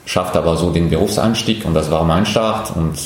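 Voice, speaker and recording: A man in his forties from France, speaking German with a French accent, answering interview questions as a startup founder with thoughtful pauses. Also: low-pitched, very echoey. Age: 40s. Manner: thoughtful, many pauses and fillers.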